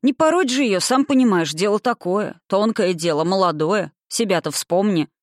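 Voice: medium pitch, lively intonation, moderate pace, dry recording, clean studio sound, natural voice. The reader voicing a blunt old male cossack chief in an audiobook, folksy and grumbling.

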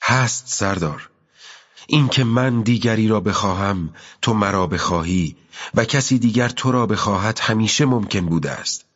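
A calm, self-assured young village girl speaks in a lifted, lighter voice, as a male reader puts her on. Her words carry a teasing steadiness. The audiobook recording is muffled and rings with a long reverb. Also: lowish voice, voice pushed up.

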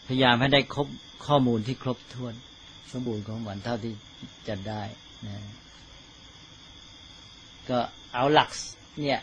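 A man, a Buddhist monk, giving an informal dharma teaching to fellow monks in a slow, deliberate way, often checking that his listeners follow. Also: medium pitch, slight background noise.

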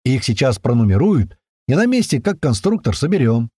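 A man voicing a calm, practical male commander who explains things plainly. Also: medium pitch, normal speed, breathy edge, no echo, clean studio sound. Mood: explaining. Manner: calm, matter-of-fact.

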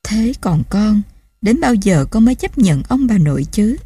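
A woman's voice: mid-range voice, sing-song, normal speed, warm tone, breathy edge, dry recording. A woman doing a trembling, remorseful grandmother. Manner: trembling, emotional.

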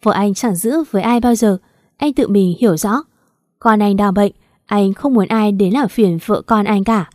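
A woman's voice: medium pitch, moderate pace, a little mellow, no echo, studio quality, close to an everyday voice. Female reader as a stern young police officer husband; firm, scolding.

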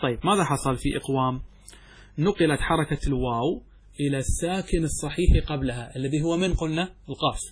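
A man teaching Arabic grammar as a sheikh in a classroom lecture, explaining step by step, asking students questions and answering them himself, and reading quoted lines slowly. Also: fairly high pitch, husky. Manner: reads quotations from the text slowly and deliberately.

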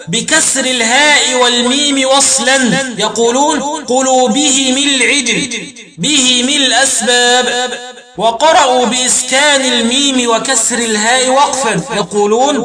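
A man teaching a methodical lesson on Quran readings, often checking in with his students and chanting each example slowly. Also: extremely high pitch. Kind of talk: classroom lesson.

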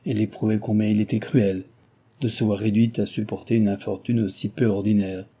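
A man narrates a classic novel as an audiobook in a measured, even manner. His voice is low, very dark and husky. He reads steadily and without hurry. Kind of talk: literary audiobook reading.

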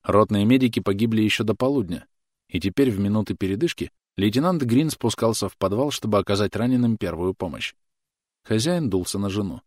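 A man narrating an audiobook in a measured, even storytelling manner. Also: on the low side, dry recording, studio quality. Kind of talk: scripted narration.

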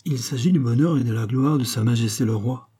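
Calm polite doctor done by the reader, low dark husky voice, measured. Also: male voice, natural voice. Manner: measured, deferential. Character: calm, respectful male court doctor.

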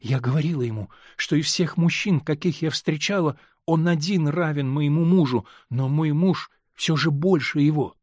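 A male reader voicing a torn, pleading married woman in an audiobook, speaking softly. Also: on the high side, normal speed, hardly any pauses, dry recording, studio quality, close to an everyday voice. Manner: soft and pleading. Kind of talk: audiobook character reading.

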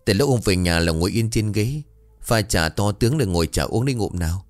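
A man's voice: on the low side, animated, fairly quick, no echo, soft background music, natural voice. A man voicing a caring, talkative older wife who frets over her husband. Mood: fretful.

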